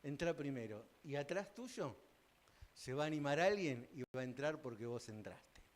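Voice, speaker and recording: A man with an Argentine accent preaching a sermon as pastor, folksy and joking, his voice swinging from loud bursts to hushed asides. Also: a little high, sing-song, moderate pace. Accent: Argentine Spanish. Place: church sanctuary.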